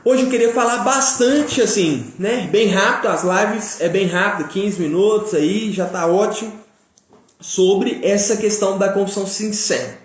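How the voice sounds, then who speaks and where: A man's voice: high-pitched, normal speed. Chatty Brazilian man in echoey room. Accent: Brazilian Portuguese. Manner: relaxed and chatty, many fillers and tag questions. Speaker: host of a daily religious live stream. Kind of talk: casual live-stream talk. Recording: echoey room with faint noise.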